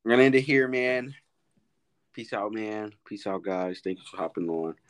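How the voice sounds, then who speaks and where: Lowish young man, animated casual talk. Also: moderate pace. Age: young adult. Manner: relaxed, slangy, wrapping up the show. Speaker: podcast host. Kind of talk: casual chat.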